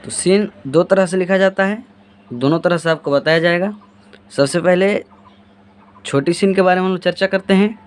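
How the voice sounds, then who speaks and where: A man walks through each letter, narrating as he draws it. His voice sits a little high for a man. He keeps asking himself what comes next and then answering. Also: moderate pace, clear, resonant tone. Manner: answers his own repeated questions while demonstrating. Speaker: Urdu handwriting teacher. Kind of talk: step-by-step writing lesson.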